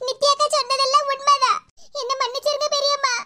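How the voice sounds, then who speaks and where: A woman's voice: extremely high pitch, flat delivery, fast, bright, forceful tone, a little hiss or hum, voice pushed up. A woman voicing a remorseful young woman in a cartoon, pleading apologetically in a Kanyakumari Tamil accent. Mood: apologetic. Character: remorseful young woman, once arrogant daughter. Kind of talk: animated cartoon voice acting.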